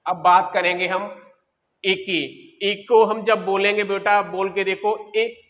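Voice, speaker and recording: Brief: young man teaching grammar, high flat bright delivery, echoing hall. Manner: addresses students as beta, repeats terms slowly. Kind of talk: grammar lesson to students. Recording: long reverb, hall-like.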